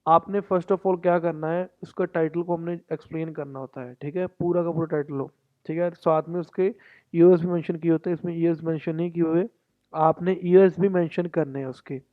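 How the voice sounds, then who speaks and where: A man coaching students for an English test, explaining in a lesson and switching between Hindi and slow, deliberate English. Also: on the high side, fairly even intonation, no room sound. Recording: tinny phone-like sound, dry.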